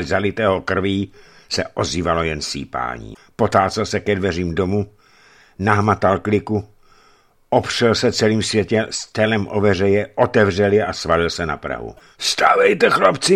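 A man reading a story aloud as an audiobook narrator, in an expressive storytelling manner. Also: low voice. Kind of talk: scripted narration.

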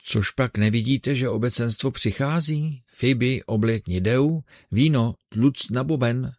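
A man voicing an eccentric old male showman in an audiobook, loudly ordering people about. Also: mid-range voice, no room sound, clean studio sound, voice pushed up, close to an everyday voice. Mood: urgent. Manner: exclaiming, bossing others about. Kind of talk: audiobook character reading.

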